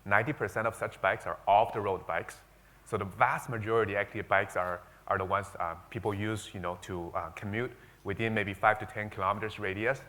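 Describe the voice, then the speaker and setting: A man's voice: on the low side, steady tone, a little fast, pushed and bright. A man speaking on a conference panel, hesitant and full of fillers as he explains his view. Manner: hesitant, many fillers and restarts. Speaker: panelist, investor. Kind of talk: panel discussion.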